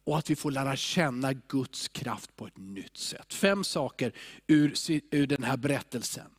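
A man preaching a sermon, earnest, now and then rising to loud cries as he quotes a prayer. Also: medium pitch, expressive, husky.

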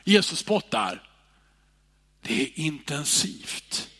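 A male preacher giving a sermon, moving between loud calls and hushed, sighing near-whispers. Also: a little high, very animated, in a large hall.

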